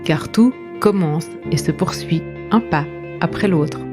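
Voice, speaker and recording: Slow, intimate woman podcaster. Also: fairly low pitch, over music. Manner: intimate, questioning, addresses the listener directly. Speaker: podcast host, communication coach. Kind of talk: scripted poetic monologue.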